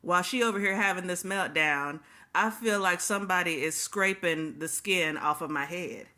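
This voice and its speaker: A woman's voice: fairly low pitch, moderate pace, sharp tone. A woman vlogger telling a personal story straight to her viewers, casual and emphatic, repeating key phrases for effect. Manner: talks straight to the audience.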